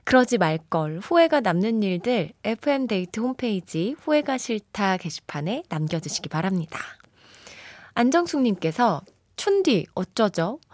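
A woman's voice: medium pitch, big pitch swings, moderate pace, darkish tone, no room sound. A woman radio DJ in a studio, chatty and giggly, casually reading listener messages into a studio microphone.

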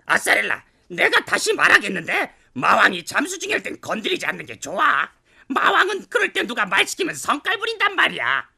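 A woman playing a grumbling, playful beast servant in a radio drama, raspy, creaky and whiny. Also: a little high, wildly swooping pitch, fairly quick, sharp tone, full character voice. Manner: whiny, cheeky, swooping. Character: big-nosed grumbling playful beast servant of demon king.

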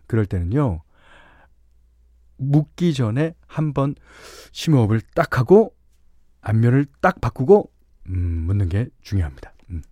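Middle-aged guy dj on the radio, chatty and playful, reads out listener notes, lively up-and-down voice, dry sound. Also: mid-range voice, measured pace, no room sound. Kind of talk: radio music show hosting.

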